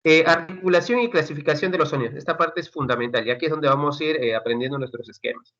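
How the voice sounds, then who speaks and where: A male lecturer teaching a class over a video call, loose and conversational as he talks his students through the readings. His voice is bright and forceful, and the lo-fi call audio sounds dull and muffled. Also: fairly high pitch, fast talker. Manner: conversational, addresses students as chicos, many fillers. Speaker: university lecturer. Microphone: computer mic on a video call.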